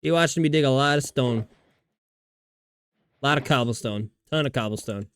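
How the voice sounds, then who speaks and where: A man's voice: mid-range voice, normal speed, fairly bright tone, clean tone, dry recording, studio quality. A man streaming a video game, chatting casually with viewers in a rambling way, swearing often and restarting his sentences. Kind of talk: casual livestream chat while gaming.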